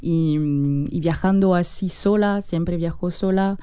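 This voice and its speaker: A French musician, appearing as an interview guest, speaks Spanish with a French accent, pausing and starting over as she hunts for words. Her voice sits on the low side and is warm and smooth, with no room sound.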